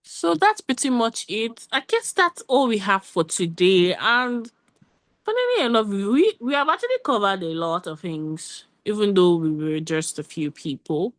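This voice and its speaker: A woman leading a working group meeting over a video call, giving a quick, run-on update full of restarts. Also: medium pitch, dry recording, studio quality.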